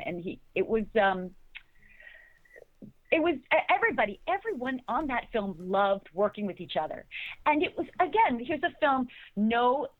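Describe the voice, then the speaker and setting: A woman's voice: mid-range voice, dry recording. Gushing woman on a tinny line. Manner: enthusiastic, rambling with many restarts. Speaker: actress guest. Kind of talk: interview answers. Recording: tinny phone-like line, dry.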